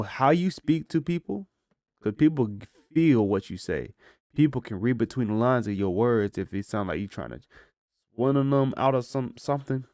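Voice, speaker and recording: A low-pitched American man with a dry, close sound reacts casually to footage. He talks in slang, asks questions out loud and muses as he goes. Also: no room sound. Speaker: commentator reacting to video footage.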